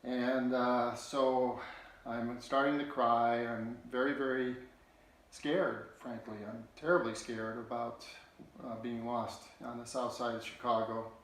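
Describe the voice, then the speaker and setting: A man telling a personal childhood story in a halting, earnest way, often restarting his sentences. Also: mid-range voice, flat delivery. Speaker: political candidate. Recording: very echoey room.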